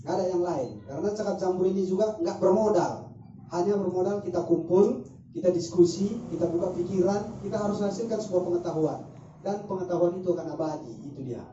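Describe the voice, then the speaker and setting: A man's voice: high voice, fairly quick, warm tone, a little hiss or hum. A man speaking at a group discussion, explaining his points with spoken examples. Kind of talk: casual discussion talk. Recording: muffled distant mic in echoey room.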